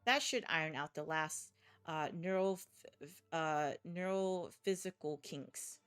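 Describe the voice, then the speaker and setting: A woman's voice: sits low, a little slow, a bit bright, smooth, faint music behind. A woman voicing a polite, businesslike female receptionist with a prim, clinical manner.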